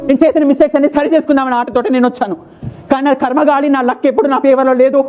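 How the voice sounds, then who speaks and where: Fast-talking man in a heated argument. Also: very high-pitched, steady tone, muffled recording, soft background music. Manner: emotional, defensive, mixes English phrases. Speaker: reality show contestant.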